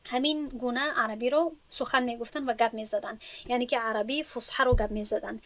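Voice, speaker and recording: A woman's voice: a little high, dry recording. A woman, lecturing her students in an earnest, instructive way and often restating her points. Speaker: teacher at an Islamic school for women.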